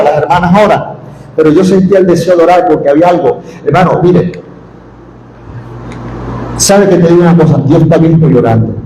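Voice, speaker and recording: A man preaching a sermon in a church, impassioned and repetitive, bursting into shouts. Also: sits high. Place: church service hall. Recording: echoey church hall with faint noise.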